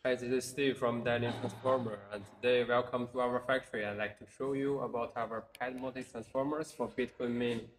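A young man presents a product demonstration as a company representative. His voice sits at a middle pitch, recorded in a large echoey hall with faint noise around him. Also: level tone, brisk, few pauses. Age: young adult. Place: large industrial hall, indoors. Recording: echoey factory with background noise.

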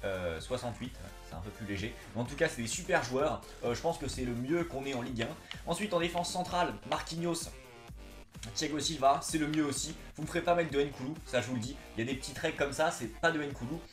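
A man's voice: medium pitch, quick pace, roomy sound, soft background music. Young guy with a slushy lisp. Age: young adult. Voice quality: slight lisp, slushy s sounds. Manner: slangy, chatty, informal. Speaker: gaming YouTuber, host. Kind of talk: casual gaming vlog chat. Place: small indoor room, seated on a couch.

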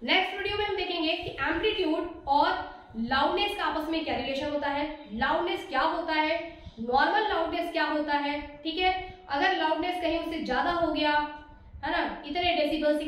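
A woman teacher with an Indian accent works through a lesson, posing questions and answering them herself. Her voice sits high. The recording is heavily echoey, as if made in a bare, reverberant room. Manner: rhetorical questions answered at once, frequent "theek hai". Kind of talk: classroom lesson explanation.

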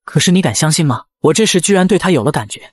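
A man rattling off a comic first-person story at high speed, his voice husky and a little high. He narrates in an excitable, self-mocking way, piling on jokes. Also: very fast.

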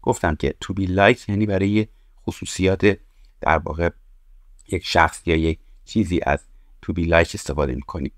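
A man teaching English, reading each phrase slowly and clearly and then explaining it quickly. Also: deep voice, fairly even intonation. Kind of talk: explaining exercises step by step.

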